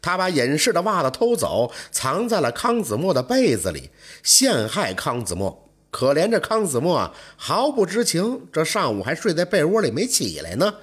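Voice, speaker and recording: Male storyteller, middle-aged, husky, very expressive, colloquial tale-telling. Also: a little high, normal speed, few pauses. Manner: animated, colloquial storyteller's delivery. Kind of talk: folk tale storytelling narration.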